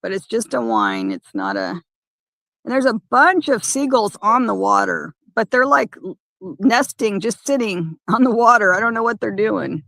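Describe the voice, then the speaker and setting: A woman chatting casually on a phone livestream by a lake, talking in halting, rambling bursts with many restarts. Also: mid-range voice, very animated, vocal fry, a bit bright, dry recording. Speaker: van-life vlogger. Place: parked by a lake.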